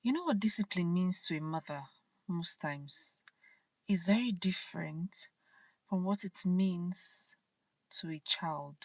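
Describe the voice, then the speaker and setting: Slow-talking woman hosting a live chat. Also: on the low side, animated, dry recording. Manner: chatty storytelling with laughs and asides. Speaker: channel host. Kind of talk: casual live-stream talk.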